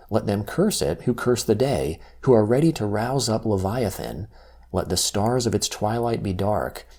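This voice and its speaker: A man reading scripture aloud from a text in a solemn, measured recitation. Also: fairly low pitch, dark tone, slightly rough. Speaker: scripture reader.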